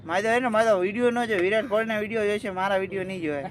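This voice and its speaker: Talking rapid-fire in a high-pitched voice, a young man strolls along a riverfront for a casual vlog, with a little hiss or hum in the background. He chats, teases the friend filming him on a phone, and addresses viewers directly.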